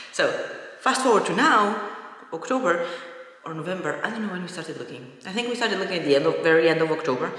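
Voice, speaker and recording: A woman from Portugal giving a rambling, excitable life update on a mic with a fuzzy windscreen, her voice echoing around an empty new house. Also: low-pitched. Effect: big echo of an empty room. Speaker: vlogger. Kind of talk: casual chatty life update. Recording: echoey bare empty room.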